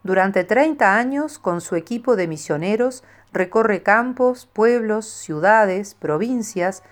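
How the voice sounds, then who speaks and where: A woman calmly reading a scripted devotional life of a saint in a measured way. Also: mid-range voice. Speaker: narrator.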